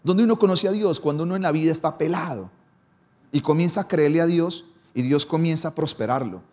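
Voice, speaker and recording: A pastor preaching a sermon. His voice sits a little high for a man. He moves between quick runs and slow, weighty lines, often stopping on a rhetorical question. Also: a little mellow. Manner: preaching, varied emphasis and pace, rhetorical questions.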